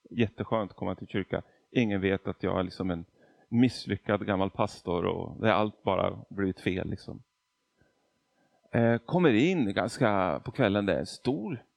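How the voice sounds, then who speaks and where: A man's voice: lowish voice, gravelly, a little mellow, no echo. A man from Argentina preaching a testimony sermon, telling his story with emphasis and acting out quotes.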